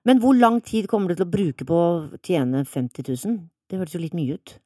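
A woman co-hosting a podcast in a somewhat low voice. She teases her partner with quick, dry remarks. The sound is close and dry. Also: animated, warm tone, dry recording. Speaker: podcast co-host. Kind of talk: casual podcast chat.

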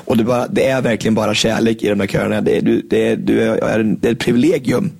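Man, gravelly husky voice, enthusiastic chat partner. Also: lowish voice, steady tone, a little mellow. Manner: enthusiastic, teasing, quick to praise. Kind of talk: casual chat.

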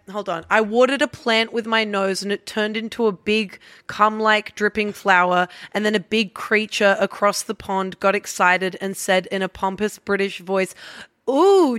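A woman's voice: mid-range voice, little pitch movement, normal speed, hardly any pauses, a bit bright, dry recording, clean studio sound. A woman guest on a casual podcast who tells a long, rambling story with plenty of fillers and restarts. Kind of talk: casual chat.

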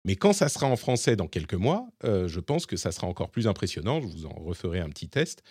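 A man's voice: low-pitched, big pitch swings, fast, darkish tone, slightly rough, dry recording, clean studio sound. A man with a slightly hybrid French accent co-hosting a casual tech podcast, explaining with many fillers and restarts. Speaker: podcast co-host.

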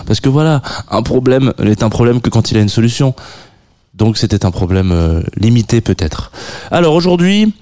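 A man's voice: medium pitch, lively intonation, moderate pace, dark tone. A man hosting a live music radio show in a rambling, casual way, full of hesitations and restarts, with a self-mocking humor. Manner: self-mocking, chuckles at his own jokes. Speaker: radio host.

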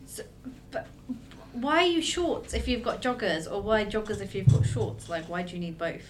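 A woman's voice: mid-range voice, sing-song, moderate pace. A woman talking casually in a group discussion. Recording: clear background noise and room ambience.

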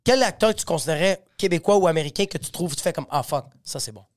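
A man's voice: fairly high pitch, expressive, fast talker. A man with a Quebec French accent telling anecdotes in casual, slangy chat and acting out the dialogue. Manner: slangy, acts out quoted dialogue. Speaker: actor on a talk panel.

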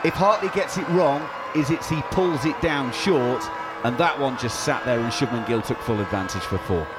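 A man's voice: medium pitch, moderate pace, over loud music. A man working as a cricket commentator, calling the play ball by ball for radio in descriptive present-tense phrases. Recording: loud stadium background noise. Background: outdoor cricket ground ambience.

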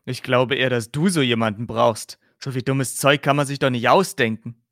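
A man's voice: medium pitch, steady tone, moderate pace, fairly bright tone, no room sound, natural voice. A short-tempered young detective in an audiobook reading, snapping back with indignation, as a man reads him. His voice sits in a middle register and sounds close and dry. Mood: angry. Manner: heated, indignant.

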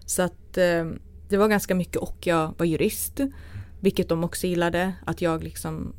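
A Swedish woman in her thirties talks as an interview guest, with a voice that sits a little low. She tells her stories in a lively way and acts out the quoted dialogue as she goes. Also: clear, resonant tone. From Sweden. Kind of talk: casual interview storytelling.

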